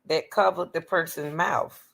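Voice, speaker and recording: A woman's voice: deep voice, a little slow, gravelly. A woman hosting casual true-crime commentary, reading case details aloud and breaking off to question them and talk straight to her viewers. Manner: animated, talks straight to the audience, exclaims and questions; breaks off reading to argue with the material.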